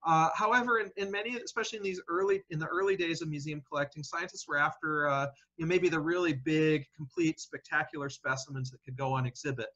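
A man's voice: fairly high pitch, steady tone, quick pace, few pauses, sharp tone. A man, a paleontologist guest, answering questions in a casual interview, thinking aloud with many fillers and restarts. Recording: dull lo-fi audio.

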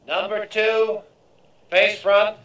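A man playing a brisk police officer, barking orders like an old-time beat cop. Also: high voice, little pitch movement, a bit bright, far from the mic, exaggerated voice. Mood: brisk, commanding. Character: brisk male cop herding a police lineup. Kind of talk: film acting. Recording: echoey room from off mic, music behind.

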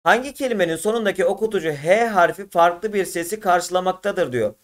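A man's voice: high-pitched, animated. A man teaching an exam walkthrough lesson, addressing students as friends and drawing words out syllable by syllable. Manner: slow, drawn-out syllable by syllable explanation.

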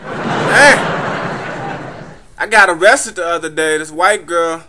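A man's voice: on the high side, slow pace, bright, forceful tone, slight background noise. A young man doing a stand-up comedy monologue, telling loose, chatty stories full of fillers.

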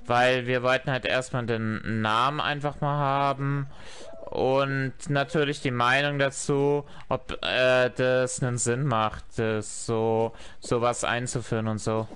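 A man chatting casually as he streams a game, phrasing things haltingly. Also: mid-range voice, fairly bright tone, clear, resonant tone. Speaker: gaming streamer. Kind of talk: casual gameplay chat.

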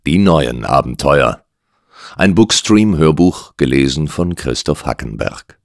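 A man narrates an audiobook in the first person with a measured, deliberate delivery. His voice sits very low and he takes his time. The recording is dry and close, with no room sound. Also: expressive, vocal fry, dry recording. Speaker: audiobook reader.

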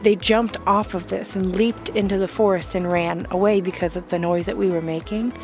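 A woman's voice: medium pitch, steady tone, moderate pace, faint music behind. A young woman vlogging on a winter hike in the woods, talking chattily to a handheld camera with lots of fillers. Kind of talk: casual vlog talk to camera.

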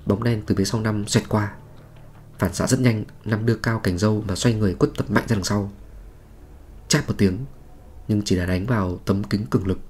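A man's voice: fairly low pitch, fairly even intonation, moderate pace, a little mellow, a little hiss or hum. A man reading a scripted horror story in a dramatic, suspenseful manner. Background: faint music.

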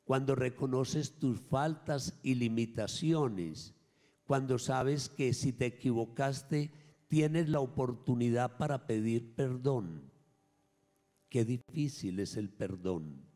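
A man, a priest, preaching a sermon at Mass, emphatic, swinging between raised and hushed lines. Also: medium pitch, takes it slowly, in a large hall. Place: church.

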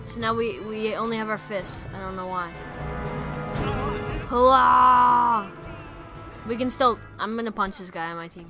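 A woman giving casual, excitable gameplay commentary, rambling with lots of "like" and "friggin'". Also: mid-range voice, fast talker, few pauses, over music. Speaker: gaming YouTuber.

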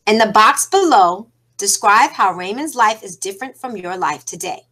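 Woman teacher reading a story and test directions, clear, measured, bright voice. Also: mid-range voice, animated, rough recording.

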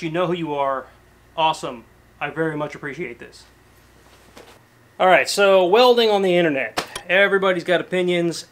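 Man in his 30s, casual workshop vlogger, slightly high voice, loose and chatty, garage. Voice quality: relaxed, chatty, with frequent fillers and restarts. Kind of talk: casual show-and-tell to camera. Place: cluttered garage workshop, indoors.

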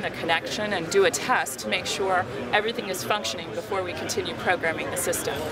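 Man giving a product demo over crowd noise. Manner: steady explanatory pitch with frequent ums. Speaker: company presenter at a trade show. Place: busy trade show floor. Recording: loud crowd noise behind. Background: loud crowd chatter.

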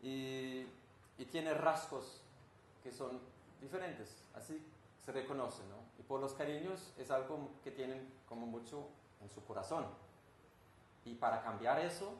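Danish composer with a Danish accent, giving an informal talk to an audience, roomy sound with faint background noise. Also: male voice, medium pitch, a little slow. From Denmark. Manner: engaged, asks the audience questions, searches for Spanish words. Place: room with an audience.

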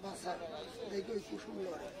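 A man with a high voice tells a rambling story as he works, his casual chat carrying over the loud crowd of an outdoor fish market. He talks in an animated, meandering way. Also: a little fast, low-quality recording. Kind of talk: casual chat while working. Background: busy crowd noise.

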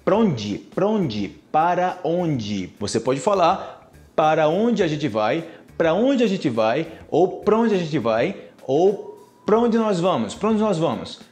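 Animated Brazilian man teaching Portuguese. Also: on the high side, unhurried. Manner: animated, repeats phrases to demonstrate sounds. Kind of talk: casual video lesson.

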